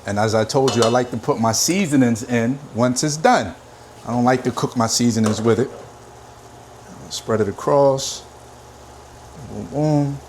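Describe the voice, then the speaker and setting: A man casually talking through cooking his dinner in a home kitchen, laid-back and chatty with drawn-out emphatic phrases. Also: mid-range voice, a little mellow, slight background noise. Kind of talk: casual cooking vlog chat. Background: frying and stirring sounds.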